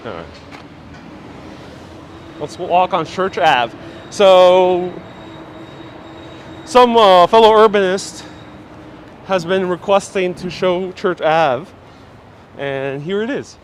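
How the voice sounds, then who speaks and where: A man with a fairly high voice talks through a mask, so he sounds a little muffled. He guides a live walking tour in a chatty, polite way, replying to viewers as he goes. Light street noise and traffic sit behind him outdoors. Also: expressive, slow, long pauses. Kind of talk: casual live commentary, answering viewer comments. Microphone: clip-on mic worn on the body. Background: street ambience, passing vehicles.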